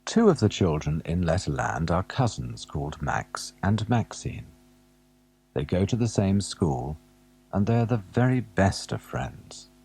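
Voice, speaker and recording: A man narrating a children's alphabet storybook, gently asking the young listener questions as he goes. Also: sits low, big pitch swings, unhurried, gravelly, slightly rough.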